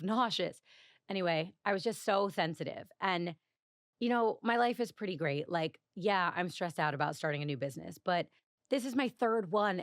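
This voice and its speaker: A woman's voice: mid-range voice, dry recording, studio quality. A woman hosting her own podcast, telling a personal story in a chatty, confessional way, often saying "like" and laughing lightly. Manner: chatty and confessional, heavy use of "like", frequent small laughs. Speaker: podcast host. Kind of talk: casual solo podcast storytelling.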